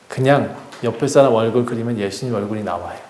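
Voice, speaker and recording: A male pastor preaching a sermon in a relaxed, conversational way, putting questions to the congregation and prompting them to respond. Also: mid-range voice, quick pace, slight background noise. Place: church sanctuary. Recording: echoey church hall.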